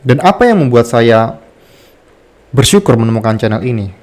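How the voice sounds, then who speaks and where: Male content creator, medium pitch, slight lisp on r, candid and self-deprecating personal storytelling. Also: very animated, normal speed, darkish tone. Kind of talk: personal story told to camera.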